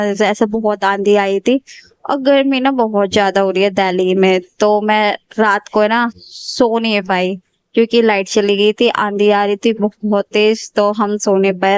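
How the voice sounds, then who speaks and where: A woman's voice: medium pitch, clear, resonant tone, no echo. A young woman in her twenties, casually narrating her daily study routine as a vlogger in a chatty, rambling way with frequent self-corrections. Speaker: exam aspirant vlogger.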